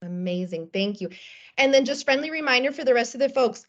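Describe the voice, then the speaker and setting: A woman's voice: fairly high pitch, animated, brisk. A woman hosting a video call, upbeat and casual, mixing in Spanish words as she calls on people. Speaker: host. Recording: dull video call audio.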